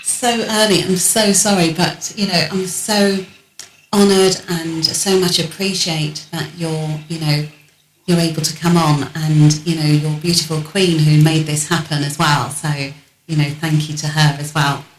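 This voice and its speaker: A woman's voice: low-pitched, steady tone, measured pace. A woman hosting a radio interview, effusive and gushing with thanks, often using filler phrases. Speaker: radio host. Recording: echoey room with faint noise.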